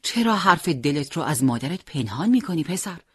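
A reader voicing a worried, tender middle-aged mother who coaxes and scolds gently, in an audiobook character reading. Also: medium pitch, big pitch swings, husky, dry recording. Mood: reproachful. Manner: gently coaxing, scolding when pressed.

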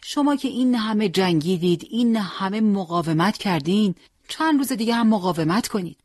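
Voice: medium pitch, animated, darkish tone, no echo, clean studio sound, pitched above the performer's own voice, lightly acted. A storyteller voicing a resolute young male commander who gives urgent orders and calls out to his men. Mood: firm.

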